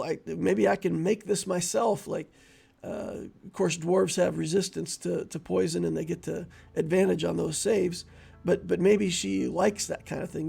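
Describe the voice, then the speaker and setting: A man explaining a tabletop role-playing character build in a casual, relaxed, conversational way, with frequent fillers. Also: high-pitched, creaky, husky. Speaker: tabletop game build creator.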